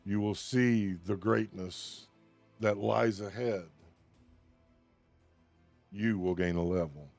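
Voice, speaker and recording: A man narrating a tabletop game as game master, in a slow, solemn storytelling manner. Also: lowish voice, vocal fry, a little mellow, soft background music.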